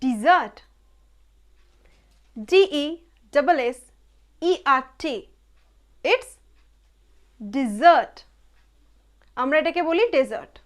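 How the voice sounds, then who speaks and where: A woman teaching English pronunciation, repeating each word slowly and with emphasis. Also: sits high, expressive, a bit bright. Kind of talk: slow pronunciation lesson.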